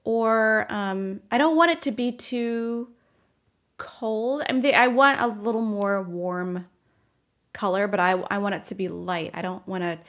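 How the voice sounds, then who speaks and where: A woman's voice: medium pitch, measured pace, fairly bright tone. A woman chatting casually from her home office, rambling, laughing often and answering viewers' comments as a stream host. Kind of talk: casual live chat.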